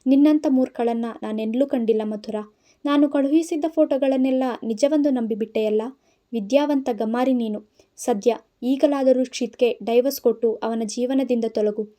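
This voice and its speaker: Woman reading scheming young villainess, contemptuous, taunting, mellow tone, storybook. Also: a little high, moderate pace, natural voice.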